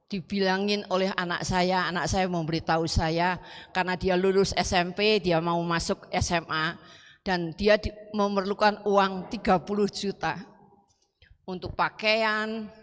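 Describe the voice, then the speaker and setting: A woman preacher telling a personal testimony in a sermon, acting out her conversations with her child. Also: mid-range voice. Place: church hall. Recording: long hall reverb.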